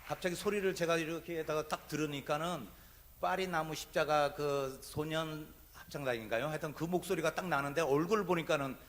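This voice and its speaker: A man preaching as a pastor in church, thanking the choir and telling a humorous childhood story in an animated way. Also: a little high, a little fast. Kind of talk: sermon with storytelling. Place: church sanctuary.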